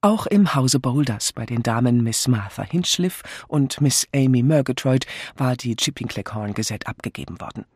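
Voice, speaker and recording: A reader narrating a mystery audiobook in a measured, expressive storytelling manner. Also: mid-range voice, breathy edge, dry recording. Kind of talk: scripted narration.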